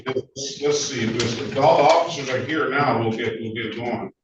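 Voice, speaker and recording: A man speaking as a judge in a procedural courtroom recording of a remote hearing, informal but deliberate with numbers. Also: medium pitch. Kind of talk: procedural courtroom talk on a video call. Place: remote court session on a video meeting. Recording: echoey, muffled, noisy distant-mic courtroom recording.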